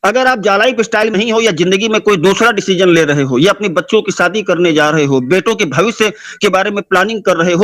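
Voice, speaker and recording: A man's voice: a little high, a bit bright, no echo. A man giving an impassioned motivational speech to listeners, repeating his points and exhorting them. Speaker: motivational speaker.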